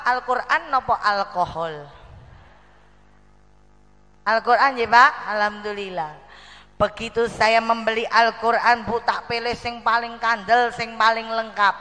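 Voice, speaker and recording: Bright-voiced Javanese woman preaching in a hall. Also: fairly high pitch. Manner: lively storyteller, acts out quoted friends, mixes in Javanese. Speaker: preacher telling her conversion story. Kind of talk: storytelling sermon to a female audience.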